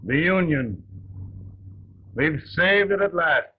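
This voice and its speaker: An actor playing a weary, folksy, merciful wartime president in an early talkie film, with gravelly, deliberate, homespun delivery. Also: male voice, fairly high pitch, expressive, heavily acted. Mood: solemn, weary. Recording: tinny, noisy early sound film track.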